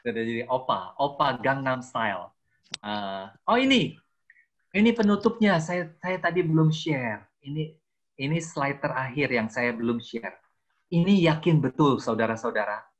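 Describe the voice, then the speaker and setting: A man's voice: mid-range voice, muffled recording. A man in his sixties, a theology teacher, giving a chatty, self-mocking personal testimony to a youth group and slipping into English phrases. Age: 60s. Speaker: guest speaker, theology teacher.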